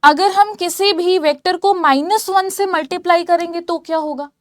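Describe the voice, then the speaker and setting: A woman's voice: extremely high pitch, moderate pace, no echo, studio quality. A woman teaching physics in a lecture, explaining step by step and often checking that listeners follow. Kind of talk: whiteboard lecture in mixed Hindi and English.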